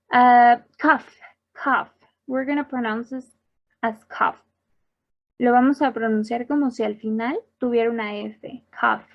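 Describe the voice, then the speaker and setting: A woman teacher giving a recorded class and repeating each term slowly so students can copy the pronunciation. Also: a little high, lo-fi sound. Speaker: English teacher for health workers. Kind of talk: recorded online class explaining slides.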